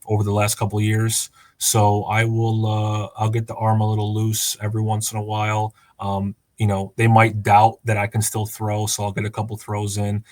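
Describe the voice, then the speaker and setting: Relaxed man of thirty, low flat voice. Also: no room sound. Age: 30s. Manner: relaxed, chatty, many fillers and restarts. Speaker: guest, former college quarterback. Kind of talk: casual podcast chat.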